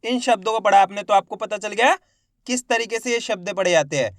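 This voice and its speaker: A man teaching Hindi reading, sounding out each syllable loudly and then blending it into the word, encouraging his viewers as friends. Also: sits high, a little fast, dry recording, studio quality. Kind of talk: slow syllable-by-syllable reading lesson.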